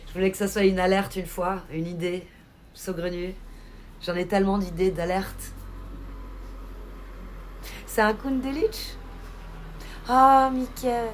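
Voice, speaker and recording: Woman, mid-pitched, casual live-stream chatter, laughs often, faint background noise. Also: fairly even intonation, measured pace, pauses often.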